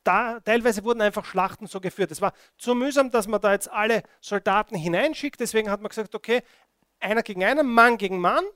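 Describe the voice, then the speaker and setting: A man preaching a sermon, retelling a story in an animated way and checking in with his listeners. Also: sits high, fast, no room sound. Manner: animated storytelling, addressing the congregation with frequent "okay?".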